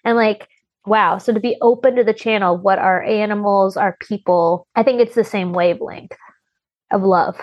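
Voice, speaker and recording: A woman's voice: mid-range voice, moderate pace, dry recording, muffled recording. A woman guest on a podcast, telling a personal story in a rambling, chatty way with many restarts.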